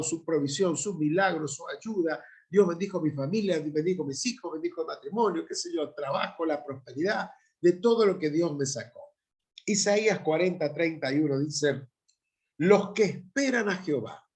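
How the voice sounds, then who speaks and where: A man's voice: a little high, a little mellow. A middle-aged man with an Argentine accent, a pastor teaching a Bible class in an emphatic way, often checking in with his listeners through tag questions. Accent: Argentine Spanish. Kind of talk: Bible institute lecture.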